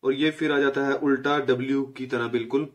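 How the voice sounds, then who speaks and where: A man's voice: mid-range voice, steady tone. Man patiently teaching letter sounds. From India. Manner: explains patiently, repeats letter sounds slowly. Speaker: language teacher. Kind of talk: casual spoken lesson.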